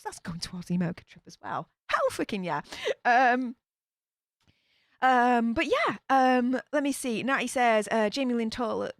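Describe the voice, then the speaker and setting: A young woman from Yorkshire, England, with a Yorkshire English accent, streams on YouTube, reading viewers' chat comments aloud casually and laughing often. Her medium-pitched voice is recorded at studio quality with no room sound.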